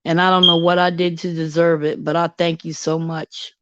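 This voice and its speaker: A woman vlogging in a candid, chatty and expressive way. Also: lowish voice, moderate pace, highs cut off, background noise. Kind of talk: casual personal vlog.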